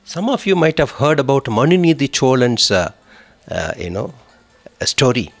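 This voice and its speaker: Animated man. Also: medium pitch, moderate pace, creaky, faint music behind. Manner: animated, many fillers and restarts. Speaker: conference speaker. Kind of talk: lecture on Tamil literature.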